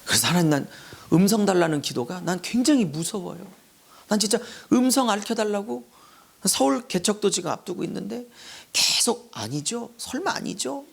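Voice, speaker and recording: A middle-aged male pastor preaching an expository sermon. He moves between loud calls and hushed asides. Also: sits high, normal speed, vocal fry, breathy edge.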